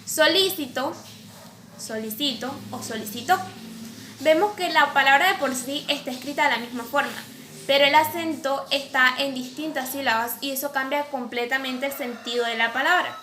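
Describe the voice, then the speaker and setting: Female lecturer, high and bright, explaining step by step; echoey room, light hiss. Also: a little fast. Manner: explanatory, asks and answers her own questions. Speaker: teacher. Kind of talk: recorded lecture over slides. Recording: echoey room, faint background noise.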